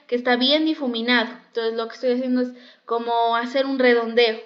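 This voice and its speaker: A woman leads a makeup class, walking students through each step and circling back to repeat herself. Her voice sits high and stays fairly level. The sound is dull and lo-fi. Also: fairly even intonation, fairly quick. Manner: explanatory, repeats herself often. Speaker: makeup instructor.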